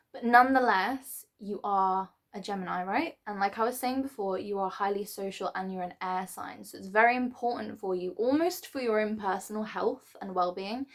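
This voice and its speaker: A woman giving a casual, rambling tarot reading to a star sign, with many fillers and restarts and now and then clearing her throat. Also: mid-range voice. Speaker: tarot reader.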